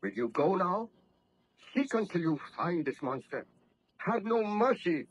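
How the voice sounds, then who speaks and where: An actor playing a guilt-ridden, commanding baron scientist in a formal, declamatory 1930s radio drama style. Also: male voice, high voice, very animated, unhurried, slightly rough, full character voice. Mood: commanding, stern. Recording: muffled old radio drama recording.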